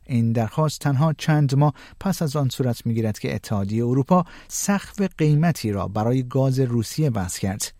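A man reading the news as an anchor, in a measured, even newsreader delivery. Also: mid-range voice, no room sound, studio quality.

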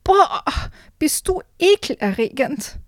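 Shrieking crowned monster. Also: female voice, sing-song, slow pace, no room sound, clean studio sound, exaggerated voice. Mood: disgusted. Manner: shrieking, high and disgusted.

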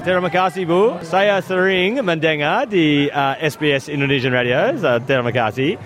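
An Australian man, a native English speaker, giving interview answers in halting, simple Indonesian as a foreigner, with English words mixed in. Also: on the high side, fairly bright tone, soft background music. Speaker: member of state parliament, interviewee.

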